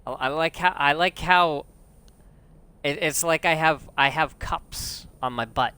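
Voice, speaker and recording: A man streaming a game live, chatting casually with slow, rambling commentary full of restarts and swearing. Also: a little high, pushed and bright, clear, resonant tone.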